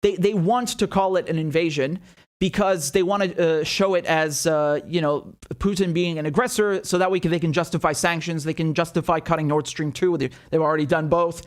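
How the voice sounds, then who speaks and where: A man giving casual, unscripted live news commentary in a rambling, halting way that drifts into tangents. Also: a little high, fairly even intonation.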